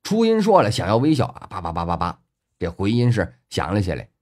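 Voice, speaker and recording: A man narrating a web novel audiobook in a colloquial storyteller style, full of drawn-out filler particles. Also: fairly low pitch, wildly swooping pitch, a little mellow.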